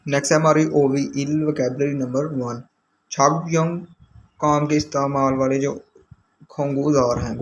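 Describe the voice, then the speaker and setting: A man's voice: medium pitch, a little mellow. A man teaching from a textbook, patiently explaining each vocabulary word and repeating its meaning. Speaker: language teacher. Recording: dull lo-fi sound with faint background noise.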